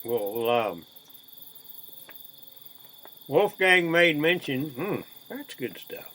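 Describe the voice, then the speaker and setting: Slow-drawling folksy man, crickets behind. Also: fairly high pitch. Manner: folksy, unhurried cowboy drawl. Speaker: video host. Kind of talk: casual rambling chat to viewers. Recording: steady background noise with chirping crickets.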